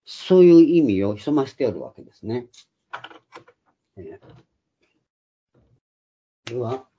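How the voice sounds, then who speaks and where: A man's voice: mid-range voice, sing-song, slow, mellow, a little hiss or hum. An older man giving a Bible study lecture, explaining patiently with frequent hesitant fillers, in a dull lo-fi recording. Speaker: Bible teacher.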